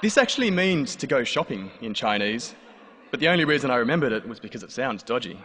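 This Australian comic in his thirties is very animated, talking fast in a pushed, bright, mid-range voice, though his personal story stays dry and wry. He performs live before an audience in a large hall. Expect long reverb and faint noise.

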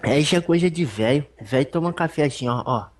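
A medium voicing an old male spirit elder with a Brazilian accent, speaking in a husky, folksy, rambling way during a religious consultation. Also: mid-range voice, lively intonation, a little fast, darkish tone, lightly acted. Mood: fatherly. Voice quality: husky, rambling, folksy speech with fond asides.

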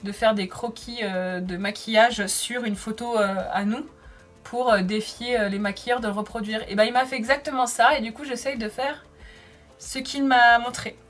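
A woman's voice: on the high side, steady tone, normal speed, faint music behind. A woman in her thirties chatting casually while doing her makeup, reading viewer comments aloud and answering them. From France. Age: 30s. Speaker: makeup vlogger.

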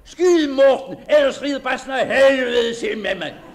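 A man voicing a gruff, commanding older country squire who bellows orders, in a dramatic reading. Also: fairly high pitch, a bit bright. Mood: desperate.

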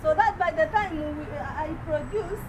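An exasperated young Ugandan wife played by a woman in a comedy skit, with a very high voice. She is weary but insistent, halting as she explains and indignant as she repeats questions. It is recorded outdoors with clear noise and a vehicle hum. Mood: insistent, explaining. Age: young adult. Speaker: comedy actor. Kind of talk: improvised African comedy skit. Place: outdoors in a house garden.

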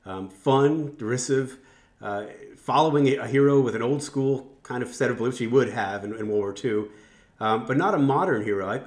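A man hosts an interview, opening with a scripted introduction before asking his guest measured questions. His voice sits at an ordinary middle pitch. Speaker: interviewer and host.

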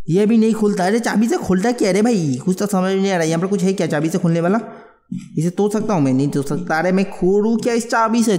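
A man giving jumpy, excitable let's play commentary on a horror game, mixing English words into his talk. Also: high voice, big-room sound. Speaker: gamer.

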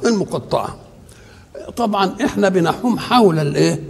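Gravelly Egyptian man teaching in a hall. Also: high-pitched, lively intonation, fairly quick. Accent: Egyptian Arabic. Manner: asks the listeners rhetorical questions for them to complete. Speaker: Quran teacher. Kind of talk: religious lecture on Quran commentary. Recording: long hall reverb.

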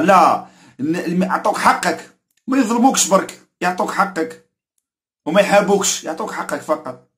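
Speaking to camera with an Algerian Arabic accent, a football commentator delivers an emphatic opinion rant full of repetition and indignant warnings. His voice is a little high and a bit bright.

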